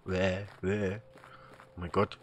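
A man's voice: low voice, little pitch movement, takes it slowly, a little hiss or hum. A man with a German accent giving casual let's-play commentary, rambling and telling stories with many fillers and laughs. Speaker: gaming YouTuber.

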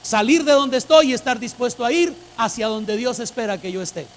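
Preaching to a church congregation, a man speaks in a very high, expressive voice, a little fast, with faint hiss or hum in the audio. He is emphatic, repeating phrases to drive points home and putting direct questions to his listeners.

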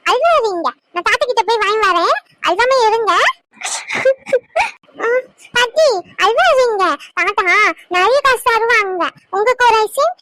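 A woman's voice: extremely high pitch, a bit bright. A woman voicing a cheerful little boy who pleads sweetly with his grandmother.

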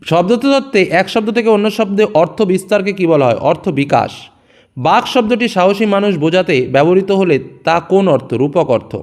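A male teacher runs quick question-and-answer revision for students. His voice sits high and moves a lot, and each answer comes out lower and softer than the question before it. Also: expressive.

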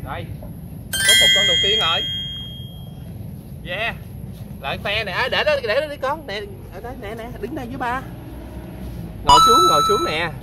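A man's voice: high-pitched, lively intonation, heavy background noise. A man with a Southern Vietnamese accent, a father chatting casually outdoors at a canal as he films a family fishing vlog and coaxes his child along. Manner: chatty, coaxing his child along, quick repeated words.

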